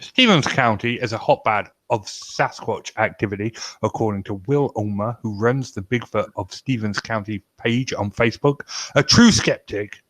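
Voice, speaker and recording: A man's voice: lowish voice, normal speed, hardly any pauses, a bit bright, dry recording, poor audio. A man co-hosting a podcast, mixing casual banter with loose story reading and swearing freely. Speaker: podcast co-host reading stories.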